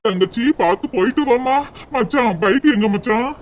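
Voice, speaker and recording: A man voicing a soft-hearted, doting older brother in a cartoon, pleading and sentimental. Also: very high-pitched, normal speed, a little hiss or hum.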